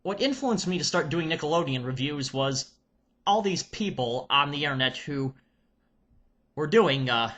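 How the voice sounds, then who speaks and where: A man talking casually as a video reviewer, halting and deliberate, with frequent pauses. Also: on the high side, lively intonation, a bit bright. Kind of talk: casual vlog announcement.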